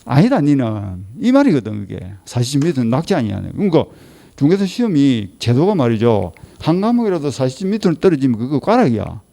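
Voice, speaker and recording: A middle-aged male law lecturer with a Gyeongsang Korean accent and a gravelly, dark voice. He lectures for an exam-prep course. He nags his class and keeps firing rhetorical questions at them. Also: mid-range voice, sing-song, brisk.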